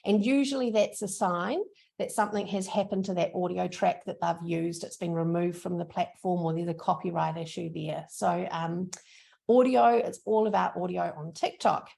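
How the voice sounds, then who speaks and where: A middle-aged woman with a broad New Zealand accent gives an informal online training talk in a chatty, encouraging, creaky voice. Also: lowish voice, fairly even intonation, moderate pace, a little mellow. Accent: broad New Zealand (Kiwi). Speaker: social media trainer.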